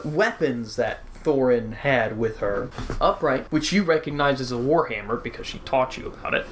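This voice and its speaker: A man running a tabletop game as game master, describing scenes in an unhurried way with small fillers. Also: medium pitch, a bit bright.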